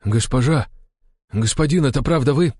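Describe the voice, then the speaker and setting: A man's voice: medium pitch, normal speed, a little mellow, breathy edge, no echo, clean studio sound, voice pushed up, natural voice. A man voicing a bewildered, loyal guardsman in an audiobook, stunned and pleading.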